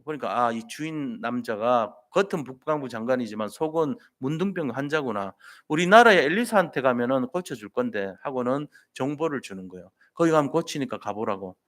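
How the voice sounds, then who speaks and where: A man preaching a Sunday sermon in a church sanctuary, retelling scripture stories in plain everyday speech. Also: fairly high pitch. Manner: colloquial storytelling, retells scripture scenes in lively everyday speech. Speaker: pastor.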